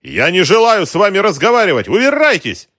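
A man voicing a stubborn, hot-tempered shopkeeper who shouts back at gangsters. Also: medium pitch, expressive, normal speed, no echo, studio quality, pitched above the performer's own voice. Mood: tense, defiant. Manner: defiant, shouting.

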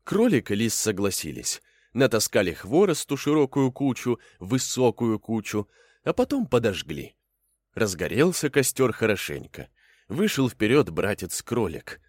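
A man narrating a storybook in a lively, expressive way. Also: lowish voice, unhurried, no echo, clean studio sound. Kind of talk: storybook reading.

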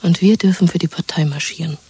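In a 1970s German radio drama, an actress voices a tender, dreamy young lover, whispering in a hushed, intimate, coaxing way. Her voice sits on the low side, breathy and whispery, and she talks fast with a sense of urgent longing.

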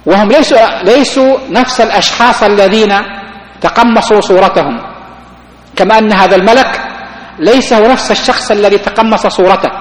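A man, a sheikh, giving a mosque lesson on creed, explaining slowly with many restarts. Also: high voice. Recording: echoey mosque hall recording.

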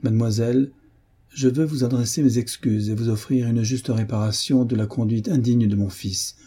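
Stern old marquis from an old novel, husky and dark, a man reading it. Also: medium pitch, fairly even intonation, normal speed, lightly acted. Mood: formal. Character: stern older marquis, stiff and authoritative. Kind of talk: scripted narration of a novel.

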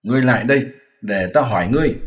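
A man voicing a sharp, mocking monkey-king disciple who teases and scolds, in a storybook reading. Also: mid-range voice, fast, close to an everyday voice. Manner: scolding, teasing, commanding. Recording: roomy echoey room.

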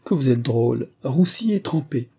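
A man voicing a spirited young woman, talking quick and emphatic in a raised voice. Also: medium pitch, lively intonation, warm tone, breathy edge, voice pushed up. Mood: excited.

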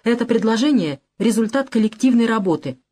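A woman's voice: a little high, expressive, brisk, mellow, voice pushed up. A woman reading the part of an earnest, indignant young male engineer in an audiobook, speaking insistently. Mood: firm.

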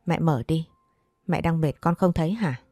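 A woman's voice: low-pitched, normal speed, warm tone, no room sound, clean studio sound. A woman reading the lines of a spoiled, resentful young woman in an audio story. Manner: sulky, resentful.

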